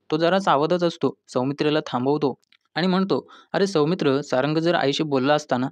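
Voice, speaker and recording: Male recap narrator, voice on the high side, dry close sound, retelling scenes and reading out dialogue. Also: no echo. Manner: retells scenes, reading characters' lines in quotes; addresses listeners as friends. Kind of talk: scripted episode recap narration.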